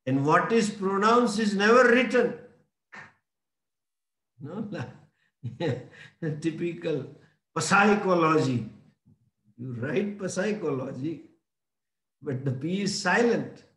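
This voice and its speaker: Slow Indian swami teaching. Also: male voice, high-pitched, expressive, fairly bright tone, reverberant. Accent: Indian English. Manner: slow, explanatory, chuckles often. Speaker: spiritual teacher. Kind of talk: scriptural class lecture.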